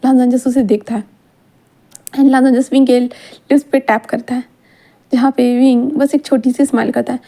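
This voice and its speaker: A woman tells a fan-fiction story aloud in an easy, casual way. Her voice sits high and sounds warm and soft, and she slips in small fillers as she goes. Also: fairly even intonation, normal speed, pauses often. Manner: casual, mixes English words, brief fillers.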